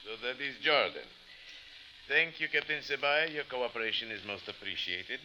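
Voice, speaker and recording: An actor playing a big, imperious official in an old radio drama, speaking in a formal, quiet and cool manner. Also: male voice, medium pitch, normal speed, a little hiss or hum. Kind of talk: 1950s radio drama acting. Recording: dull old radio recording.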